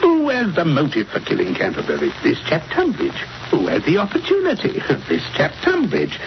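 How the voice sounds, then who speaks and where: A blustering, stubborn English police inspector, throws his authority around in blunt everyday speech. His voice is a little high and swings widely. The old radio drama recording is muffled. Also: huge pitch swings, moderate pace, vocal fry, background noise, exaggerated voice. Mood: cocksure. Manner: officious, blunt, colloquial. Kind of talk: 1940s radio drama acting.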